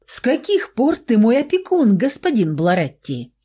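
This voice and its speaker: An indignant young student girl, put on by a woman reading a story aloud snaps and shouts in a raised, swooping voice. The tone stays mellow underneath, read in a storybook manner. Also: mid-range voice, sing-song, normal speed, pitched above the performer's own voice. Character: angry rebellious young woman student, near eighteen.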